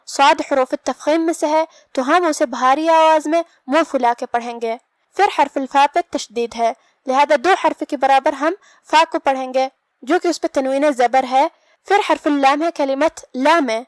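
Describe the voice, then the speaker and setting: A woman's voice: sits high, no echo. A woman teaching the rules of Quran recitation, explaining each sound patiently and step by step.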